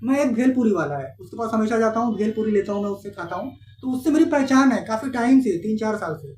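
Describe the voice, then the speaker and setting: A man's voice: sits high, animated, quick pace, darkish tone. A man vlogging in casual Hindi storytelling, talking straight to his viewers and retelling everyday quarrels. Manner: chatty, addresses viewers directly, retells arguments. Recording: roomy echo, distant mic, faint ambient noise.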